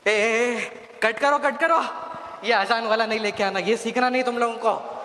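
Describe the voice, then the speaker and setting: A man's voice: a little high, measured pace. A young man playing a gleeful scheming devil. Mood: panicked. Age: young adult. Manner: taunting, bossy, bursts into cackling laughs and shouts. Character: gleeful scheming male devil schooling his minions. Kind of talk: stage monologue. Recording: echoey hall, long reverb.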